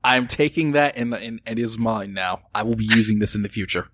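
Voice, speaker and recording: A man's voice: fairly low pitch, fairly quick, a bit bright, no room sound. Playful young man who loves puns. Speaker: podcast co-host. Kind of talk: casual podcast chat.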